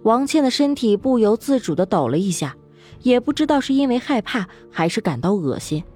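A woman narrating a serialized novel in an expressive storytelling manner. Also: on the high side, fairly quick, soft background music. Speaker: audiobook narrator.

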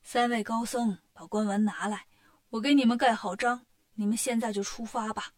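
A fond, fretful old king from a storybook, talking low and soft with a doting warmth, as a woman puts him on. The voice sits lower than her usual bright storytelling tone. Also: fairly even intonation, moderate pace, lightly acted.

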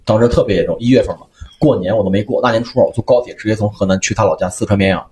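Man, fast lively storytelling, laughs through punchlines, echoey room. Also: fairly low pitch. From Henan, China. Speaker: comedian. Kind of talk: storytelling in casual podcast chat.

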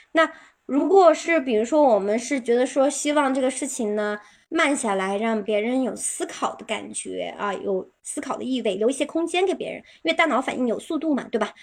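Female pronunciation teacher, slightly high voice, patient live-stream explainer who slows down to model example sentences. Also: a little mellow. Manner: explains patiently, with many drawn-out filler particles.

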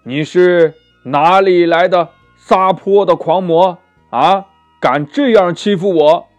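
A defiant dragon in a children's storybook, grumbling and protesting loudly, as a male narrator plays him. He speaks slowly and a little high, with soft music behind. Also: very animated, heavily acted. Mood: indignant.

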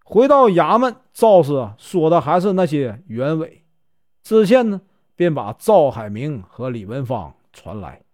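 Lively man telling folk tales. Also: on the high side. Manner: lively chatty telling with drawn-out fillers. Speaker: storyteller. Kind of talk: folk storytelling narration.

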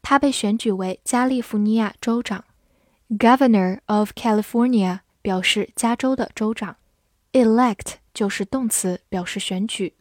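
A woman English teacher who spells words letter by letter and reads example sentences slowly and clearly. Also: on the high side, no echo, studio quality. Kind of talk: vocabulary lesson, spelling and slow reading.

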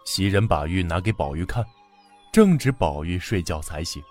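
A man narrating a classic tale for children in a gentle, expressive way. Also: deep voice, moderate pace, faint music behind. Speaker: storyteller.

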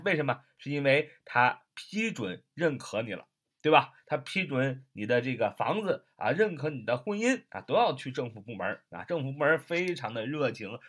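A man teaching English vocabulary in an online lesson, repeating and spelling words slowly and asking rhetorical questions. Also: medium pitch, fairly bright tone, husky.

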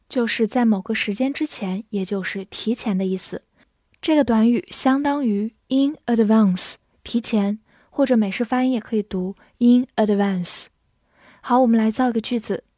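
A woman with a fairly high voice leads a scripted vocabulary lesson. She spells each word letter by letter and reads the example sentences slowly so learners can repeat them. The sound is dry and close, with almost no room echo. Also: dark tone. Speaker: English vocabulary teacher.

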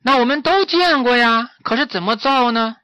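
A man voicing a band of eager, chattering little monkeys in a spoken children's story, with high excited questions. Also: moderate pace, clean tone, no room sound. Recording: slightly muffled dry recording.

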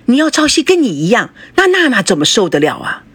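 A woman's voice: on the high side, huge pitch swings, fairly quick, a bit bright, husky, no echo, pitched above the performer's own voice, heavily acted. A woman voicing a shrewd middle-aged mother who fusses and persuades. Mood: scolding. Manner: fussing, persuasive.

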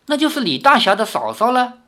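A reader voicing an old woman, an elder who questions a young stranger sharply and then warms to him with formal, old-fashioned courtesy. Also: medium pitch, huge pitch swings, fairly quick, voice pushed up. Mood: courteous. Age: older. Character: stern then kindly old woman, elder of a hidden sect.

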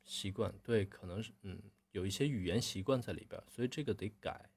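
Low husky male voice coach. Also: fairly quick. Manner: frequent throat clearing, relaxed corrective tone. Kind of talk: live-stream critique of students' readings.

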